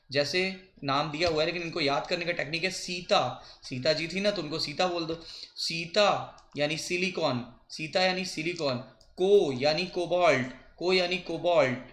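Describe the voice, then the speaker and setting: A man teaching a biology coaching lesson, repeating and spelling out memory tricks slowly for his students. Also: a little high, sharp tone. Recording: echoey room.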